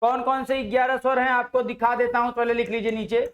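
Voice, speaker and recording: A man's voice: very high voice, little pitch movement, brisk, a bit bright, roomy sound, muffled recording. A male Hindi grammar teacher giving an exam-prep lesson. He asks rhetorical questions, answers them himself and draws out example syllables.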